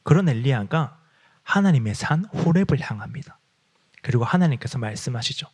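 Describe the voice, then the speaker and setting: Husky-voiced male preacher, lively delivery. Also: mid-range voice, brisk. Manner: acts out prayers in a hushed, breathy voice. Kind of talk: sermon.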